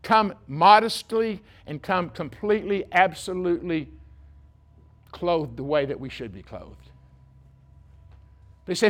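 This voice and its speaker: High-voiced preacher. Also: male voice, a bit bright. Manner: folksy and joking, speaking directly to the congregation. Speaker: pastor. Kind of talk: sermon.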